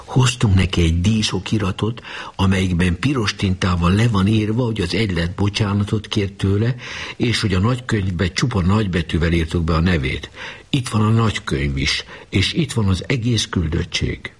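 A man voicing an earnest schoolboy who explains in a hushed voice in a storybook reading. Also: deep voice, breathy edge, voice pushed up. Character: eager schoolboy, spokesman of a boys' club.

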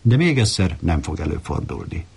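A man voicing a timid, fearful male lion in a read-aloud fable, husky and pleading. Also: a bass voice, huge pitch swings, darkish tone, full character voice. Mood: anxious. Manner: pleading, anxious.

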